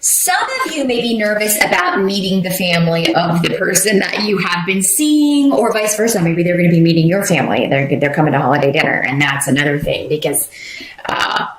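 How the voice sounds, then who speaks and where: A woman gives a casual tarot reading, rambling with lots of fillers and restarts. Her fairly low voice moves a little fast, and the low-quality recording is reverberant.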